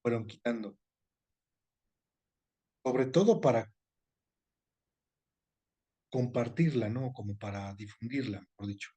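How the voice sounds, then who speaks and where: Man, seminar lecturer, patient explanatory tone, repeats and corrects himself, middle pitch. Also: slow, pauses often, warm tone, husky. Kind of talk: explanatory online class.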